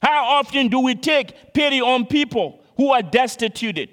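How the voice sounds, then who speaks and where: Male preacher, high and bright, earnest, repeats lines, reverberant hall. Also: expressive, normal speed. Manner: repeats phrases for emphasis, earnest exhortation. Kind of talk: sermon.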